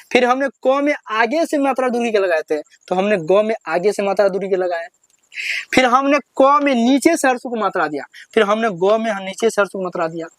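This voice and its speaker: Man, high voice, alphabet lesson, patient, repetitive, dry sound. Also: a bit bright, no room sound. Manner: patient, repetitive, drawing out each syllable when reciting. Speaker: teacher.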